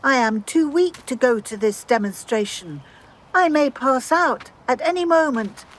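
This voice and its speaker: A woman's voice: high voice, lively intonation, measured pace, a little hiss or hum. An actress playing a blunt, fierce young warrior woman in an audio drama, speaking in a literal way.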